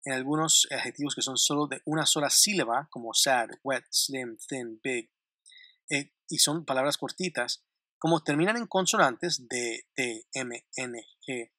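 Bright-voiced man teaching grammar. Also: mid-range voice, no echo, clean studio sound. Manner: repeats word lists slowly and clearly, with light laughs. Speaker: English teacher. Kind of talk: grammar lesson explaining English to Spanish speakers.

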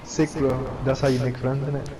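A man's voice: medium pitch, level tone, fairly quick, dark tone, slight background noise. A man with a British accent teasing and joking while playing an online game with a friend. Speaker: gamer. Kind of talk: casual gaming chat with friend.

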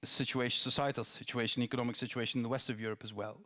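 Older man, politician on stage, headset mic, thoughtful with restarts, mid-pitched voice. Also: little pitch movement, very fast, sharp tone. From Netherlands. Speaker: politician answering questions. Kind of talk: town-hall dialogue. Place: theatre stage before a large audience.

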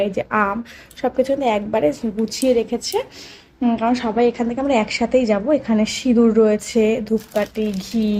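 A young woman from West Bengal with a Bengali accent, chatting casually in a home vlog and keeping her voice low so a sleeping child stays asleep. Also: mellow, slight background noise. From West Bengal, India. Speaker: vlogger.

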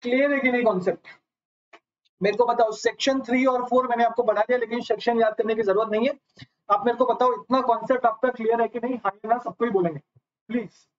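A man's voice: very high-pitched, steady tone, quick pace. A man teaching a live online lecture, asking his students question after question and calling them sir. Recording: slightly dull lo-fi audio.

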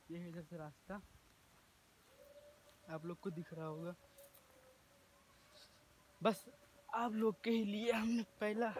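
Holding a phone camera at arm's length, a young man speaks straight into it while vlogging outdoors at a farm house, joking casually. His voice sits high, and slight background noise can be heard.

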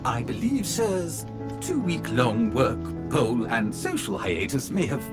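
A man's voice: medium pitch, sing-song, takes it slowly. A man voicing a polite male butler robot in a video game, formal and deferential, who speaks to his master in the third person. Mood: prim. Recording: game music underneath.

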